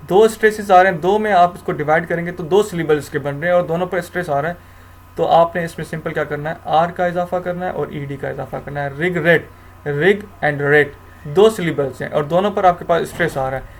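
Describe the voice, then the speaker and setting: A man's voice: on the high side, a little hiss or hum. A man giving a grammar lecture, explaining rules step by step in a mix of Hindi and English, often repeating himself and restarting. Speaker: teacher.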